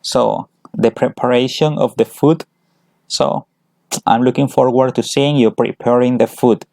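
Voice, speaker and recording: Slow, gravelly teacher. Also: male voice, mid-range voice, steady tone, warm tone, no room sound. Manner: switches between English and Spanish, explaining patiently. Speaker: English teacher. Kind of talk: bilingual grammar lesson.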